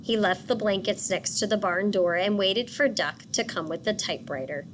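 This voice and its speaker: A woman teacher reading a picture book aloud and pausing to ask children questions. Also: medium pitch, background noise. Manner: patient, asks questions for children.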